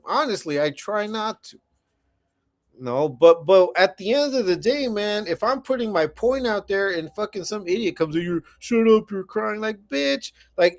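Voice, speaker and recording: A man hosting a livestream, ranting bluntly and profanely while answering chat comments in a confrontational, mocking way. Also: high voice. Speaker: livestream host.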